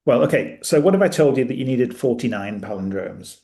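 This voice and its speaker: A man's voice: medium pitch, expressive, brisk, dark tone. A man chatting as a guest, eagerly explaining a maths idea and a tool he built. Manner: enthusiastic, explaining with asides. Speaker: guest, maker of maths web tools. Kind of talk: casual chat.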